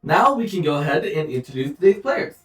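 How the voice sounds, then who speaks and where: A man's voice: on the high side, sing-song, fairly quick, reverberant. Young man, game master, rambling casual narration, distant mic, faint background music. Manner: loose, rambling, with frequent "um"s and self-corrections. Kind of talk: casual recap and scene-setting for a tabletop game.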